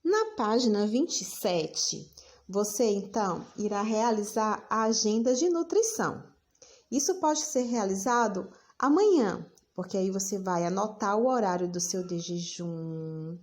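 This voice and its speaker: A woman teacher, giving a recorded lesson for children and dictating words slowly, repeating each one. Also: mid-range voice, expressive, darkish tone.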